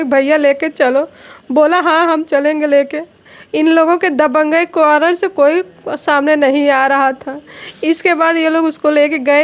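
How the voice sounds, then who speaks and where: Middle-aged woman, high voice, distressed interviewee pleading her case. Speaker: victim's mother. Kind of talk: interview testimony.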